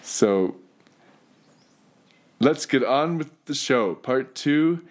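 A man hosts a spiritual talk show in an unhurried, measured voice. He speaks reflectively, leaning on words now and then for gentle emphasis. His pitch sits in the middle range for a man. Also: lively intonation. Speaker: podcast host. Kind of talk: spiritual conversation.

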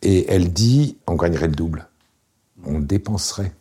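Casting: man, late 60s, low voice, very husky, relaxed wry storyteller. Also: moderate pace. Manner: relaxed, wry, anecdotal with frequent fillers. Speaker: interview guest, founder. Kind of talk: casual storytelling interview.

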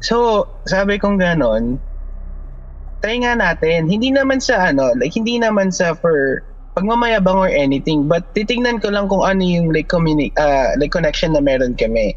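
A man explains his side in a casual chat, halting and restarting as he mixes languages. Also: sits high, big pitch swings. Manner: halting, restarts often, mixes Tagalog and English. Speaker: guest storyteller. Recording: dull lo-fi audio with faint noise.

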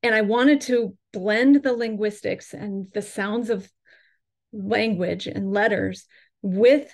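A woman yoga and chakra teacher being interviewed, with a mid-pitched voice. She explains in a measured, instructive way. She slows down to stretch out and demonstrate the vowel sounds she talks about.

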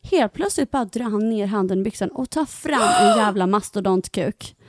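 A young adult woman co-hosting a podcast, telling a story in an animated way and swearing freely. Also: medium pitch, dry recording, studio quality. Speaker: podcast co-host. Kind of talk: casual chat.

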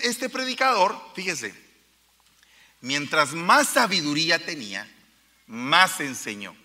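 A man's voice: sits high, sharp tone, in a large hall. A man preaching a sermon to his congregation, emphatic and speaking straight to his listeners. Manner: emphatic, addresses the congregation directly.

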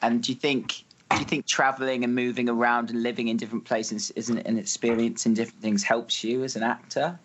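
A man's voice: mid-range voice, level tone, brisk, fairly bright tone, dull audio, slight background noise. A man hosting a casual interview, asking friendly questions. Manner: friendly, asks leading questions. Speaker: podcast host.

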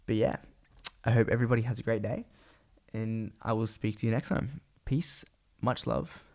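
A young Australian man with a croaky, phlegmy, congested voice, sick with a cold, rambling casually and slangily on a solo podcast. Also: mid-range voice, normal speed, darkish tone. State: sick with a cold, voice partly gone. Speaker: podcast host and vlogger.

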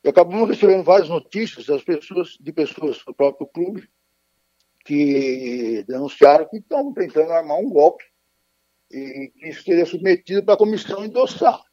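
A man's voice: fairly high pitch, lively intonation, normal speed, dark tone, no echo. A man speaking formally as a radio guest over a choppy phone line that keeps breaking up, with frequent hesitations. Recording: muffled dry phone call.

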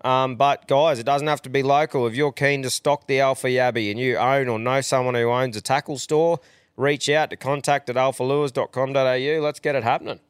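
Male podcast host, broad Aussie accent, slangy and easygoing, smooth clear voice recorded close and dry. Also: medium pitch, steady tone, a little fast, dry recording. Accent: broad Australian. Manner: laid-back, slangy, sweary mateship talk. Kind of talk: casual chat with updates.

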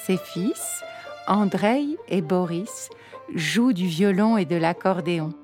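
A woman reading a children's storybook aloud in a calm, measured way. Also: fairly low pitch, faint music behind. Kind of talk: storybook read-aloud narration.

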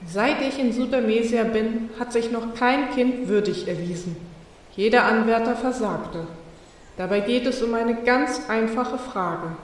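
A woman voicing a wise, solemn female sea serpent spirit who speaks in a measured, ceremonious way. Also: on the high side, heavy reverb, in a large hall, distant mic, lightly acted.

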